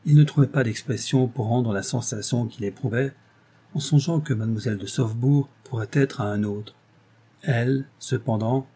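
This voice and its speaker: A man narrating a classic novel as an audiobook, in a measured, expressive reading. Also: medium pitch, slightly rough.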